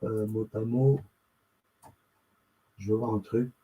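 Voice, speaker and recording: Muttering as he searches things on screen, a man hosts his own YouTube channel with rambling, self-interrupting commentary. He speaks slowly in a fairly low, fairly even voice, and the audio sounds dull.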